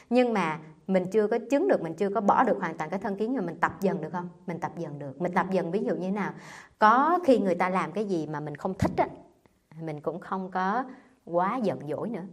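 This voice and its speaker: A woman, a Buddhist nun giving a conversational dharma talk and quizzing her listeners with rhetorical questions. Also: medium pitch. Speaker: Buddhist nun teaching sutra class. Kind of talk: dharma talk to a live audience.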